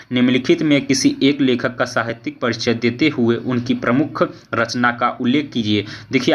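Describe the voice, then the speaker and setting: A male teacher going through an exam paper, reading each question aloud, slowing down for the verse passages and often checking in with an "okay". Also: medium pitch, fairly bright tone. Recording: dull lo-fi audio.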